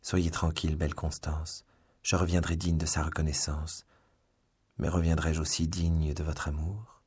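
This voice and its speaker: A man's voice: extremely low pitch, flat delivery, normal speed, darkish tone, husky, full character voice. A man reading a bold young swordsman. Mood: tender. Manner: bold, gallant. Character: young brave gallant male swordsman. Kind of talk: audiobook reading.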